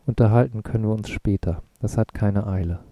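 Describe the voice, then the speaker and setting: A man's voice: fairly low pitch, a little fast, mellow, no echo. A man voicing a courteous woman ambassador over sixty with a smoky, sing-song voice, in an audiobook. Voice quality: smoky singsong voice.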